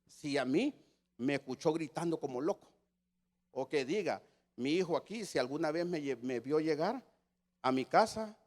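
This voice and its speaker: A man, teaching a church sermon emphatically and repeating words as he searches for his phrasing. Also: a little high. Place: church meeting.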